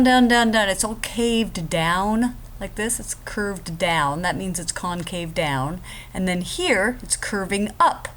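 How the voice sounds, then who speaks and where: A woman's voice: medium pitch, slight background noise. A woman math instructor giving a casual, chatty screen-recorded lecture, explaining step by step with joking asides.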